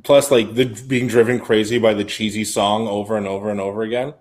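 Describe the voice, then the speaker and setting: A man's voice: lowish voice, fairly even intonation, a little fast, a little mellow. A man co-hosting a podcast, chatting casually and rambling with heavy use of "like". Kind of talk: casual chat about a TV series.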